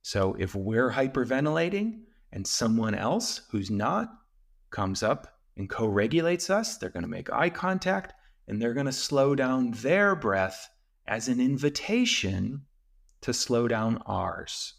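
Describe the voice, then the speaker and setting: A man hosting a solo talk show, calmly explaining ideas and slowing down to stress key points. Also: mid-range voice, gravelly. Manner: calm and explanatory, with slow emphatic stretches. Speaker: podcast host and men's coach.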